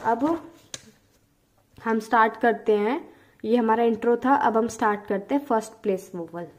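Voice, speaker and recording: A woman's voice: fairly high pitch, moderate pace, a little hiss or hum. A woman teaching a shorthand lesson, drilling vowel sounds aloud and checking in with her students with frequent short questions. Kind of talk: classroom-style lesson.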